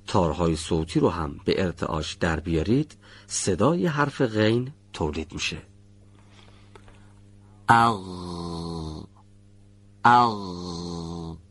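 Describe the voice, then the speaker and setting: Husky low-voiced male recitation teacher. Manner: patient, demonstrates sounds slowly and repeatedly. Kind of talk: classroom lesson on letter pronunciation. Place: studio.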